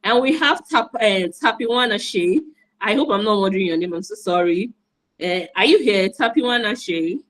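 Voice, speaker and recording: A woman's voice: mid-range voice, expressive, moderate pace, fairly bright tone, low-quality recording. A woman from Nigeria, hosting an online event in an enthusiastic, repetitive, encouraging way over a video call. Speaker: host and moderator.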